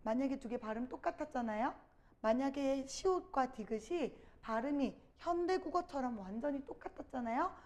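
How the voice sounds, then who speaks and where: Woman teacher, high voice, lectures students and answers her own questions. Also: darkish tone. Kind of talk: Korean grammar lecture.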